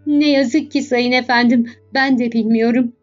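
Female reader playing a frightened young girl, high and desperate, pleading loudly; dull recording, soft music behind. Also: fairly even intonation, moderate pace, natural voice. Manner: desperate, crying out. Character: terrified young girl pleading under torture.

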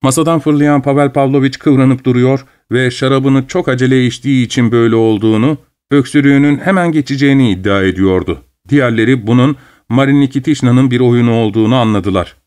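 A man narrating an audiobook story in a calm, measured reading voice. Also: medium pitch, smooth.

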